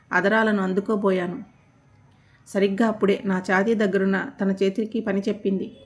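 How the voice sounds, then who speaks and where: A woman narrating a love story in the first person with an even, descriptive reading. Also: medium pitch.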